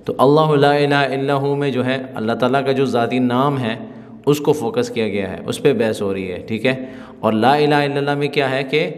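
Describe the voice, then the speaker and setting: A man's voice: mid-range voice, long reverb tail. A man teaching spoken Arabic, explaining patiently and repeating each phrase so students can drill it. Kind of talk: spoken language lesson.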